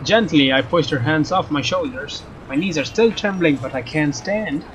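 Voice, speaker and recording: His voice is a little high and fairly bright, and he speaks at a moderate pace while playing through a game on video. He performs the story text dramatically and chats between lines. A slight hiss or hum and faint game music come through a slightly dull mic.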